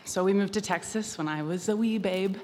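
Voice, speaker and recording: A woman's voice: mid-range voice, brisk, a little mellow. A young woman from Canada telling her life story as a testimony, earnest with light humor. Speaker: missionary speaker. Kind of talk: personal testimony. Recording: echoey hall with faint noise.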